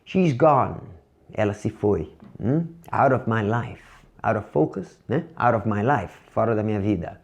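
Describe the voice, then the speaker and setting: A man with a Brazilian Portuguese accent teaching English vocabulary in a recorded lesson, patiently drilling each word and slowing down to model how it sounds. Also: lowish voice, expressive, muffled recording. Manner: patient, drills words, slows down to model pronunciation.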